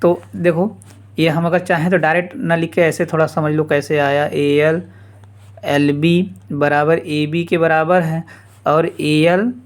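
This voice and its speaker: A man teaching a geometry lesson informally, repeating steps slowly and dropping casual asides. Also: on the high side, level tone. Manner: slow, repetitive explaining with casual asides. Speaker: math teacher.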